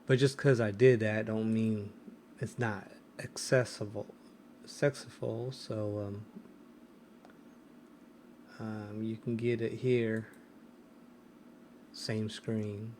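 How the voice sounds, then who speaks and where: A man's voice: on the low side, level tone, takes it slowly, long pauses, a little mellow, slight background noise. A man hosting a casual screen-recorded tech tutorial, hesitant and full of ums and restarts. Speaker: tech video host.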